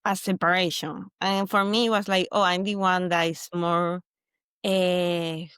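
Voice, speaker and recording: A woman's voice: on the low side, level tone, unhurried, a bit bright, clear, resonant tone, no echo. Venezuelan woman guest, earnest and reflective. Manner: earnest, reflective, with frequent restarts. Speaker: mindset coach guest. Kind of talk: interview conversation.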